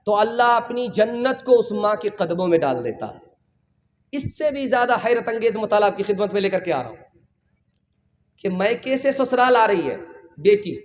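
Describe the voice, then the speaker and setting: A man preaching a religious sermon at a public gathering, impassioned, repeating phrases and calling on the crowd to raise their hands. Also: high voice.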